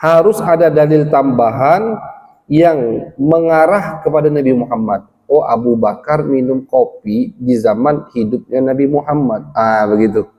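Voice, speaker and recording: The recording is muffled and echoes with a long hall reverb from a village gathering hall. There, a man with a medium-pitched voice teaches religion in a study lecture. He reads out Arabic text, translates it, and slowly explains each passage in simple words.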